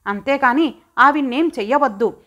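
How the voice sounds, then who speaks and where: A young husband shouts in furious defiance at his captors, as a woman narrator reads his lines. He sounds high-pitched within the storybook reading. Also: normal speed. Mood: defiant.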